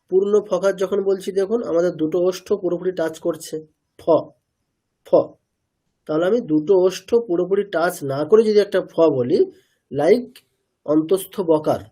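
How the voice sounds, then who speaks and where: A man with a fairly high but mellow voice leads a pronunciation class. He keeps quizzing his students and echoes their answers back to them. He sounds out single syllables several times over to show how they are made. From India. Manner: asks students questions and repeats answers; demonstrates sounds by repeating syllables. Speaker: Sanskrit pronunciation teacher. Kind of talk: online class lecture.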